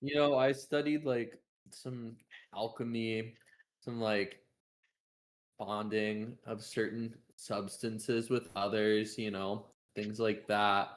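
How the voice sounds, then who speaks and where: A man's voice: on the low side, level tone, slow. A man playing a tabletop game, chatting casually and in character.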